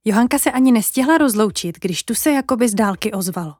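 Calm woman reading a bedtime story. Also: on the high side, no echo, studio quality. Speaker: narrator.

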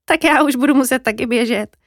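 A gentle little sheep from a bedtime story, kind and soft-spoken, voiced a touch higher than normal by a woman. Close, dry sound. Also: no room sound.

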